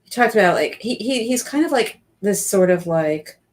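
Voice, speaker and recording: A woman's voice: medium pitch, animated, moderate pace. A woman in her fifties, a business coach, chatting enthusiastically as an interview guest. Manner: chatty and enthusiastic, with frequent restarts. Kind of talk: casual interview chat.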